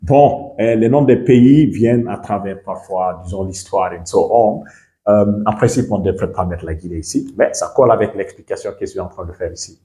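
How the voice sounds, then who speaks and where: A man's voice: lowish voice, moderate pace, dark tone. A young Guinean man with a Guinean French accent, teaching a bilingual pronunciation lesson and often checking that listeners understand. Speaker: English and German teacher.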